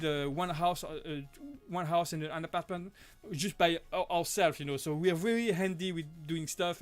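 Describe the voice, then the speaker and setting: A Swiss man who makes props hosts a casual live-stream Q&A, answering questions from viewers. He has a French accent and a slightly high voice, and he often halts, restarts, and corrects himself.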